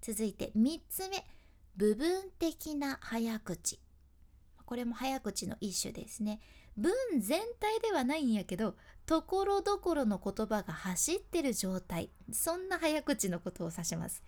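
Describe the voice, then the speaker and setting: A woman's voice: a little high, big pitch swings, unhurried, darkish tone. A woman who works as an announcer, giving a chatty, step-by-step lesson on speaking and acting out example phrases. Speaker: announcer teaching speaking skills. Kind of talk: casual instructional talk.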